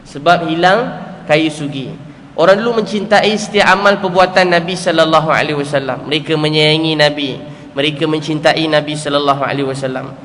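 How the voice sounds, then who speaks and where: A man's voice: on the high side, flat delivery, quick pace, a bit bright. Man, Malaysian accent, middle-aged, sermon, earnest storytelling, long hall echo. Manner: storytelling, earnest, with repeated phrases and rhetorical questions. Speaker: preacher. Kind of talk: sermon to a congregation. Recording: echoey hall, faint background noise.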